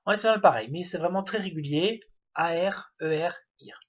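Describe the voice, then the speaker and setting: A man's voice: on the high side, normal speed, a bit bright. A man giving a spoken grammar lesson, explaining step by step with many hesitations and fillers. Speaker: language teacher. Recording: dull lo-fi recording.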